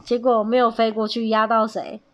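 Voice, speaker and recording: Woman reading a kids' picture book, kinda high voice, animated. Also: moderate pace, dull audio. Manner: lively, animated, with sound effects. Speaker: storyteller.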